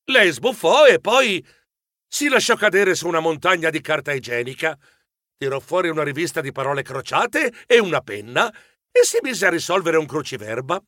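Lively playful male storyteller. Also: fairly high pitch, moderate pace, no room sound, clean studio sound. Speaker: narrator. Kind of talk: children's audiobook narration.

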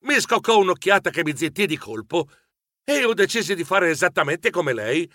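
A man narrating a children's story aloud in an expressive, playful way. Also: high voice, normal speed, no room sound, clean studio sound.

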